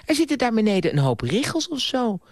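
Guy doing a bossy young rebel girl, high lively voice, dry close sound. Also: brisk, dry recording, heavily acted. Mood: animated. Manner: haughty, sharp, raised pitch. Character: headstrong rebellious young woman, sharp-tongued. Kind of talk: audiobook reading.

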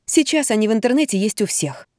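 A woman voicing a loud, shrill, jealous young mother in an audiobook, who scolds and squeals. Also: expressive, fast, no room sound, studio quality, natural voice. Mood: curt.

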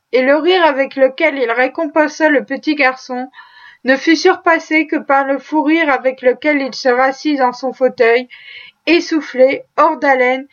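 Female audiobook narrator, high pitch, measured storytelling delivery, somewhat dull lo-fi recording. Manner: measured storytelling, lightly voicing characters. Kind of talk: audiobook reading of a classic tale.

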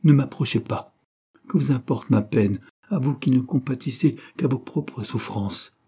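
A man's voice: medium pitch, measured pace, warm tone, breathy edge, pitched above the performer's own voice. A man reading aloud, voicing a proud, heartbroken young orphan woman with bitter, tearful reproach. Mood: defiant.

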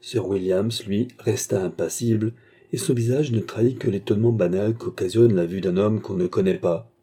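A male audiobook narrator with a low, very dark, mellow voice. The tone is husky throughout. His storytelling is steady and measured. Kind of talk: scripted narration.

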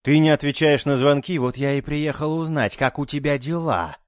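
A man's voice: fairly high pitch, no room sound, lightly acted. A man doing a dry-voiced pious old father. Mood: reproachful. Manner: quiet, measured, reproachful. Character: weary old male father, calm and pious.

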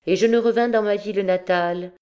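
A woman narrating an audiobook in a measured, steady storytelling manner. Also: mid-range voice. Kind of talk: scripted narration.

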